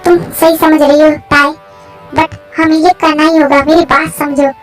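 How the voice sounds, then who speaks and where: A woman's voice: high voice, flat delivery, normal speed, soft background music, lightly acted. A woman voicing an anxious, protective young man in a fan story, talking in a pleading, fretful way. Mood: insistent.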